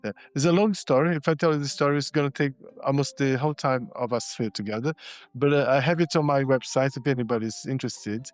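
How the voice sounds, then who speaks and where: Talking fast in a mid-range voice with no room sound, this podcast guest from Brazil, a man in his 60s, recounts his story reflectively. He works in constellations facilitation and shiatsu, and in the casual interview he frequently restarts and repeats himself.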